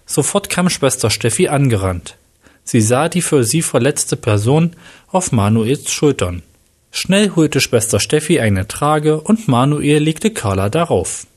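A man reading a story aloud in an even, plain way. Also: medium pitch. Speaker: narrator.

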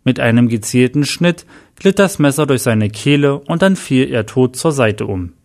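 A man's voice: medium pitch, lively intonation, normal speed, darkish tone. Man reading a horror story aloud.

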